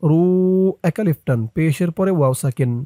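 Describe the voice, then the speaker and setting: A man with a Bangladeshi accent teaches Quran reading, breaking words into letters and reciting them slowly and drawn out. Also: mellow, no echo, studio quality. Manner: spells out letters, then recites drawn out and higher. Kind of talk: slow syllable-by-syllable recitation lesson.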